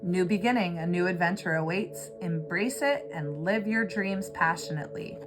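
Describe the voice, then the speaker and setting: A woman giving an earnest, reflective tarot reading, pausing often with fillers, over a music bed. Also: on the low side. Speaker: tarot reader. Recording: clear music bed behind voice. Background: background music.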